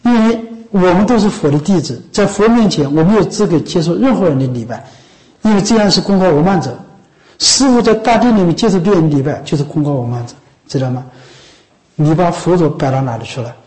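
A man's voice: high-pitched, expressive, brisk, darkish tone, rough recording. A man, a Buddhist monk, giving an informal dharma talk to lay followers. He talks in a chatty, coaxing way, keeps asking his listeners whether they understand, and coughs now and then. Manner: conversational, often asks "知道吗？" and "是不是？".

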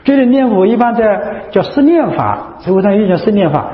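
A man's voice: high-pitched, very animated, fairly quick. Male monk, dharma talk; repeats himself, keeps asking the room questions; roomy, echoing hall sound. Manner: chatty, repetitive, rhetorical questions. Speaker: Buddhist monk teaching. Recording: echoey hall, dull lo-fi sound.

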